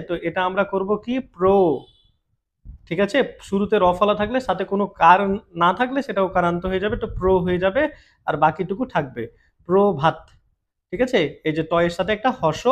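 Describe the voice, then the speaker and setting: A young man teaching exam answers on pronunciation, patiently checking in with his listeners after each step. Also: sits high. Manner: patient, checks in often with "ঠিক আছে?".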